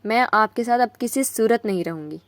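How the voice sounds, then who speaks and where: A woman voicing an injured young wife who shouts through tears, her voice pitched a little high and close and dry. She sounds wounded and defiant, set in a spoken romance novel. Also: lively intonation, no echo, lightly acted. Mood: tearful anger. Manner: tearful and shouting. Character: angry young wife, crying, accusing her husband.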